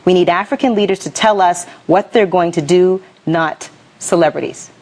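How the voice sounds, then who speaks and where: A woman's voice: lowish voice, normal speed, darkish tone. A woman hosting a television morning show, asking probing, conversational questions of her guest.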